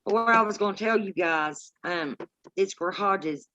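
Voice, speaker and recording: A dull, lo-fi recording of a middle-aged woman hosting a paranormal live stream. She talks in a folksy, informal way at a medium pitch, like casual storytelling for viewers. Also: a little slow, bright, forceful tone.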